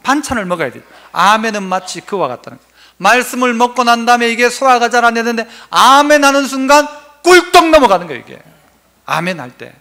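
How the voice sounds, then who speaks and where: A man's voice: very high-pitched, expressive, quick pace, bright, forceful tone. A male pastor preaching a sermon, asking the congregation questions and answering them himself.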